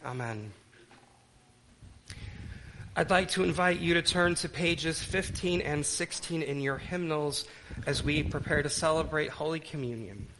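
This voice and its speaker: Man, fairly high-pitched voice, pastor, solemn worship delivery, measured short phrases, preaching and liturgical recitation. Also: a bit bright, slight background noise, poor audio. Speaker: pastor leading worship and communion. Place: church worship service.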